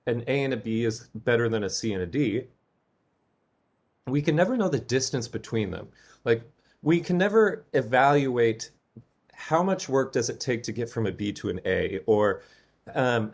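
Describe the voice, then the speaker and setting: A man delivering a recorded statistics lecture in an ordinary mid-pitched voice. He walks through each idea step by step. He often stops on an um or checks in with a quick "right?". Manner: explains step by step with many ums and rhetorical "right?". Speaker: statistics instructor.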